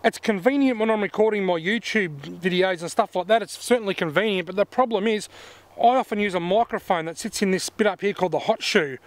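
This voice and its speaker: Man in his forties, high voice, chatty gear-review vlogger, outdoor, camera mic. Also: brisk, no room sound. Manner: chatty, explains step by step, stresses words. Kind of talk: casual product review to camera. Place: outdoors in grassy bushland. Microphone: camera-mounted shotgun mic.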